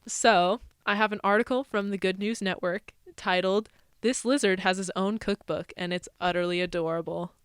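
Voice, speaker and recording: A woman's voice: medium pitch, steady tone, normal speed, hardly any pauses, smooth, no room sound. Young woman podcast co-host, chatty and laughing, clean and close. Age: college-age young adult. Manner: chatty, laughs often, says "like" a lot. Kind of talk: casual true crime podcast chat.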